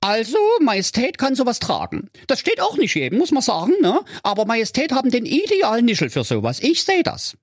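Brief: man plays a fawning valet in a comic fairy tale, high, dry sound. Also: fairly quick, hardly any pauses, husky, dry recording, exaggerated voice. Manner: flattering, gushing. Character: fawning male royal valet.

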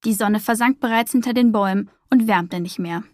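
A woman narrating a children's storybook in a calm, expressive reading voice. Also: a little high, fairly quick, no echo, clean studio sound.

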